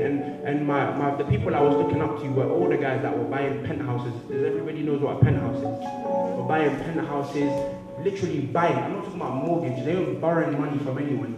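A man's voice: medium pitch, far from the mic. A young man with a handheld microphone giving a testimony sermon to a congregation, often breaking off with "hallelujah" and "amen.". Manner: punctuates sentences with "hallelujah" and "amen". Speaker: church speaker giving testimony. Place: large church hall indoors. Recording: echoey hall recorded from afar.

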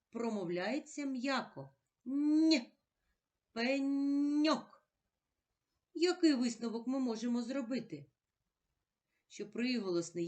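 A woman teaching a recorded primary-school lesson at an unhurried, careful pace. She pronounces each sound separately, asks a question and then gives the answer herself. Her pitch rises and falls a lot as she speaks to the children. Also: darkish tone. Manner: deliberate, spells out sounds one by one.

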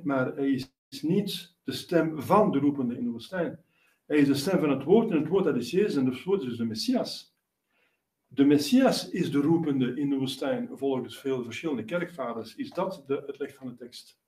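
A man's voice: on the high side, dark tone. A male priest preaching a sermon, explaining at length with many fillers and restarts. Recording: roomy echo, voice from a distance.

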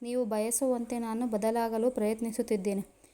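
A woman's voice: a little high, little pitch movement, moderate pace, dark tone, lightly acted. A woman voicing a young woman in love who is jealous and indignant, read in a story.

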